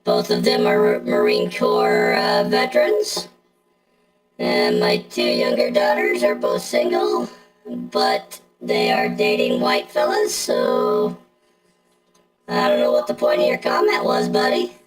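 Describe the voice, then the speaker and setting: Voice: very deep voice, huge pitch swings, takes it slowly. A middle-aged game streamer talking through a robot voice effect, chatting casually and answering viewers bluntly. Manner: blunt, talks back to chat. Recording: echoey room with game music.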